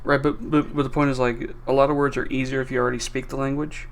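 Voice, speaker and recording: A man's voice: medium pitch, level tone, quick pace, gravelly. A man chatting casually with a friend on a stream, often stammering as he tells stories.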